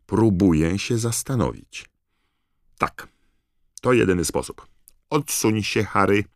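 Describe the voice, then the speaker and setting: An excitable, fussy middle-aged wizard father, put on by a man reading an audiobook. His high, eager voice wanders up and down in wonder. The sound is close and dry. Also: gravelly, no room sound, exaggerated voice. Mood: apologetic, fussy. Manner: high-pitched, wondering, drawn-out exclamations. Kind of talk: audiobook character voice.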